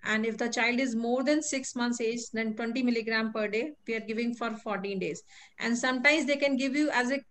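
A woman's voice: a little high, steady tone, a little fast. A woman with an Indian accent teaching in an explanatory exam-revision style. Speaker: medical teacher.

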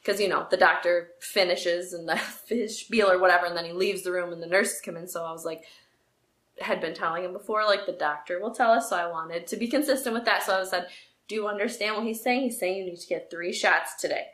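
Woman, mom podcast co-host, casual storytelling, bright tone, roomy echo. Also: fairly low pitch, fairly quick. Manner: animated storyteller, acts out quoted voices. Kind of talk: casual chat. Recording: echoey room.

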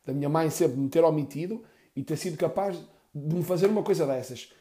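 A man doing stand-up storytelling, crude and rambling with deadpan asides. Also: on the high side, fairly quick. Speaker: comedian.

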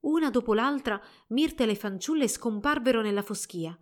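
A woman narrating a storybook fairy tale in a calm, measured way. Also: on the high side.

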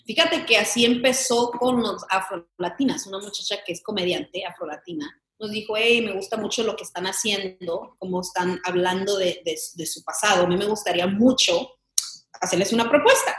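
Speaking at a normal speed with a medium-pitched, slightly bright voice, this young Mexican comedy sketch creator is a lively interview guest. The chat is casual, full of laughter, and the room echoes.

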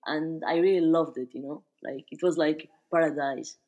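A woman's voice: low-pitched, steady tone, normal speed, dark tone. A young woman from Spain, chatting as a podcast guest with lots of "like" and "you know". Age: young adult. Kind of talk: casual interview.

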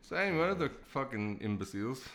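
A man's voice: medium pitch, very animated, fast, fairly bright tone. A young man co-hosting a casual podcast, sweary and mocking, laughing often. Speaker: podcast co-host.

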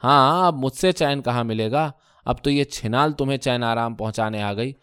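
A man voicing a quarrelsome middle-aged first wife who taunts and shouts in a sharp voice. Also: mid-range voice, clean tone, dry recording, clean studio sound, close to an everyday voice. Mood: shrieking.

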